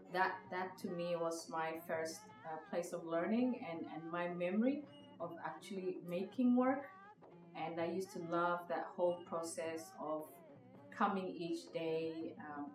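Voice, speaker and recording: Speaking from far off the mic in an echoey room with music in the background, this podcast guest has a fairly low-pitched voice. She's a visual artist from Somalia in her thirties, recounting her life thoughtfully but haltingly, full of fillers and false starts.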